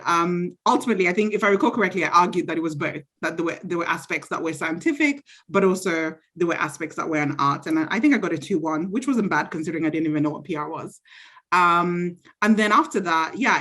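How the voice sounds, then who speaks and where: Low-voiced woman from Zambia, chatty. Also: a bit bright. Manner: chatty, self-assured, reflective. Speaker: interviewee, university graduate. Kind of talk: casual interview answers.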